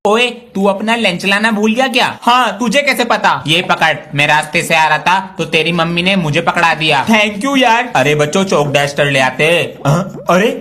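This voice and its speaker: A young man with a high, bright and forceful voice plays out short comic sketches. He hops between a cheeky kid's tone and the stern voice of a teacher or father. His delivery stays lively and pointed. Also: moderate pace, hardly any pauses. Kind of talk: comic skit acting.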